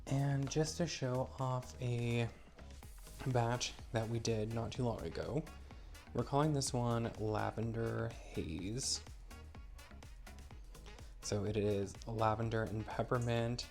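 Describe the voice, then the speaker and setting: A man of medium pitch speaks slowly with frequent pauses, his steady, darkish tone set against soft background music. Stuffy and a bit wheezy as he gets over a cold, he's the maker showing his product, upbeat and explaining every step in a casual demo.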